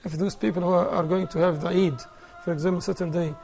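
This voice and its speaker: A man's voice: high-pitched, steady tone, quick pace, darkish tone. A man answering viewers' questions as a scholar in a live studio discussion, explaining in a conversational way.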